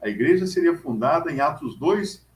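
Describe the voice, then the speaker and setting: A man's voice: on the high side, expressive, normal speed, a little hiss or hum. A man teaching a Bible reflection in a conversational, storytelling way, often checking in with the listener. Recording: roomy echo.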